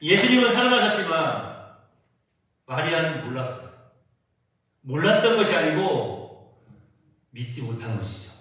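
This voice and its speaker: A male pastor delivering a sermon in a church, animated, acting out the voices he quotes. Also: fairly high pitch, unhurried, long pauses. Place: church sanctuary. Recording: echoey church from a distant mic.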